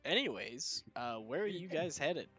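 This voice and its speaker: Game master, male, bright sharp voice, chatty, laughs a lot between ums. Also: a little high, very animated, normal speed, breathy edge, lo-fi sound, soft background music. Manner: chatty, frequent laughter and filler words. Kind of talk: narrating a tabletop game.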